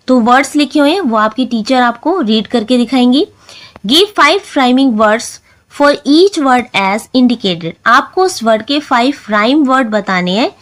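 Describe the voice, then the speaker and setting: Woman teacher, high voice, slow steady lesson reading. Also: low-quality recording. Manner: reads English lines slowly, then explains them in Hindi. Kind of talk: textbook lesson explanation.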